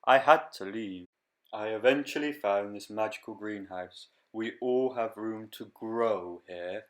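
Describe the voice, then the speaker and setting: A man voicing a friendly, gentle male green giant made of plants in a read-aloud storybook, speaking softly and kindly. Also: lowish voice, a little slow, lightly acted.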